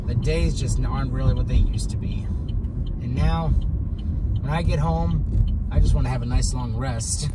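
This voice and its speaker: A young man from Michigan vlogging while driving, tired, rambling and often repeating and correcting his words. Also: mid-range voice. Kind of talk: casual talk to camera while driving. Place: inside a car on town streets. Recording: distant mic, loud road noise.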